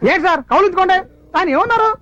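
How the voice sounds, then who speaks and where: An actor playing a fawning, meddling police constable who talks like a wheedling go-between. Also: male voice, very high voice, racing, pushed and bright, dry recording. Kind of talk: Telugu film comedy acting. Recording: dull film soundtrack.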